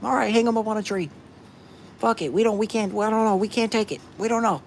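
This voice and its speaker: A man's voice: high-pitched, fairly even intonation, fast, creaky, slight background noise, pitched above the performer's own voice. A man putting on an agitated, hostile crowd of doubters, talking in a frantic, cursing way. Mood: frantic mocking.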